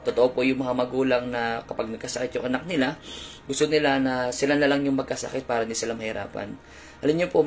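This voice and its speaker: A young man giving an earnest, polite sermon testimony, often repeating his phrases. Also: medium pitch. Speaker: preacher.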